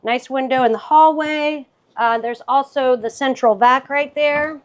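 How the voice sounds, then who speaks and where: A woman's voice: sits high, steady tone, unhurried, slight background noise. A woman chatting casually and playfully as she hosts a walk-through tour inside a camper trailer. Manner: playful, joking. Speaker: vlog host giving an RV tour.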